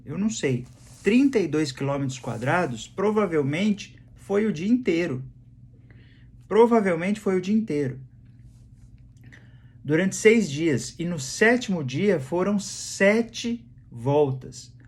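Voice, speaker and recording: A man's voice: sits high, lively intonation, takes it slowly, a little mellow, breathy edge. A man with a Brazilian Portuguese accent preaching a sermon in a conversational way, repeating phrases for emphasis. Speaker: pastor.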